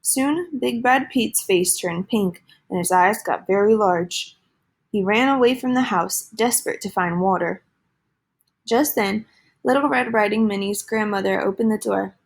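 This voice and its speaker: A woman reading a children's storybook aloud in a gentle, lively storytelling manner. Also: mid-range voice, a little slow, gravelly.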